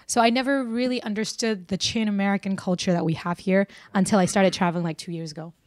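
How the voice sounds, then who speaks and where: A woman's voice: mid-range voice, fast talker, no echo. Young woman, from Burma, podcast guest, casual chat, dry close sound. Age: 20s. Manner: relaxed, chatty, laughs easily. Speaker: podcast guest, singer and nurse. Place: small indoor studio set on a couch. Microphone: handheld microphone.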